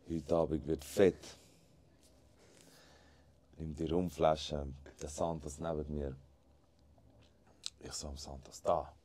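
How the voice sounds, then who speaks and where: Low mellow guy, animated storytelling, slangy. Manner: animated, acts out quotes with slangy asides. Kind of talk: casual storytelling chat.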